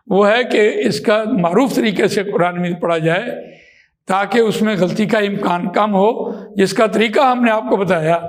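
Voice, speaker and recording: A man with a high voice teaches how to recite the Quran. He explains things patiently and repeats his points with examples. He draws out vowels and Arabic words slowly to show how they should sound. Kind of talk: slow explanatory lesson.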